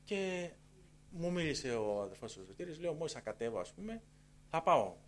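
A middle-aged man telling a personal conversion testimony in a lively way. He repeats phrases for emphasis and acts out the dialogue. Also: a little high, slight background noise. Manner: acts out dialogue in changing tones. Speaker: church member giving a testimony.

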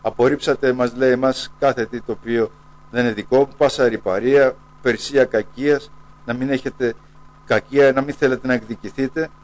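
A man preaching a sermon, who keeps tagging lines with a low, quiet "brothers, eh" and slows down to quote scripture. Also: fairly even intonation. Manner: repeats "brothers, eh" as a dropping aside; rises in pitch when urging the listeners.

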